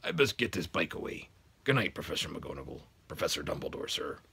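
A man voicing a huge, gentle, emotional half-giant groundskeeper with rough country speech. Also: sing-song, a little fast, heavily acted. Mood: tearful. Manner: rough country speech, louder and higher than narration.

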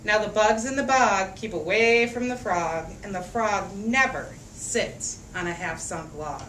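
A woman with a mid-range, somewhat bright voice reads a picture book to children, unhurried, sing-song and emphatic, stretching out the rhymes and asking her listeners questions. The room sounds roomy, with a distant mic and faint background noise.

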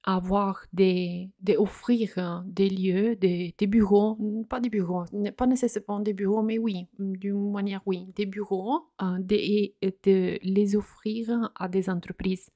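A woman hosting a soft-spoken ASMR chat, speaking hesitantly in non-native French with slips and frequent fillers. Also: mid-range voice, fairly even intonation, measured pace, few pauses, dry recording, clean studio sound. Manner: hesitant, many fillers and restarts. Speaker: ASMR channel host.

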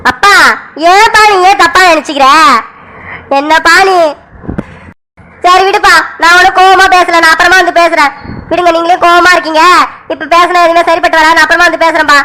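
A woman's voice: very high voice, steady tone, brisk, pauses often, pushed and bright, a little hiss or hum, rough recording. A woman voicing a young man who protests and pleads with his father. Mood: pleading. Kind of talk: cartoon voice acting.

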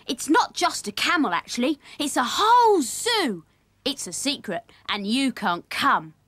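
A woman's voice: high-pitched, big pitch swings, a little slow, a bit bright, no echo, voice pushed up, full character voice. A woman voicing a small, boastful, imaginative boy, speaking. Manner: boastful, insistent.

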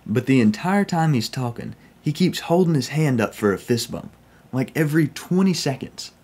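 Husky and darkish, his medium-pitched voice stays expressive at a normal speed. A young Southern-accented man from Oklahoma, United States, he tells folksy first-person railfan stories for his vlog from a small indoor room at home.

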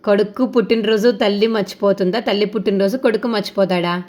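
A woman voicing a seventy-five-year-old grandmother who talks slowly and fondly in a retold serial. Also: medium pitch, steady tone, darkish tone, close to an everyday voice.

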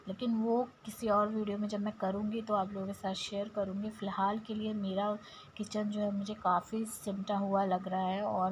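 Chatty Indian woman vlogger, even tone. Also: mid-range voice, a little hiss or hum, rough recording. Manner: chatty, explains step by step to viewers. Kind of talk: casual vlog voice-over.

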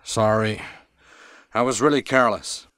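An actor playing Barry, a burly, well-meaning special-forces teammate, in stilted, exaggerated 1990s video game style. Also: male voice, lowish voice, steady tone, a little slow, fairly bright tone. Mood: apologetic. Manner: stilted, exaggerated swooping delivery. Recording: long hollow reverb.

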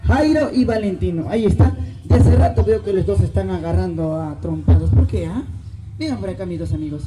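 A man hosting a school party, coaxing and playful with the children, shouting to rally them. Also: high voice, rough recording. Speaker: party host at a school event. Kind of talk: animated emcee patter with children. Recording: loud music and crowd behind.

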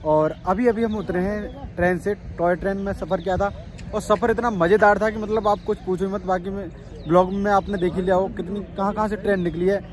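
A travel vlogger in his twenties holds his phone at arm's length and talks excitedly to viewers in a high voice, fairly fast, both outdoors and in moving cars. Traffic, wind and street noise fill the background.

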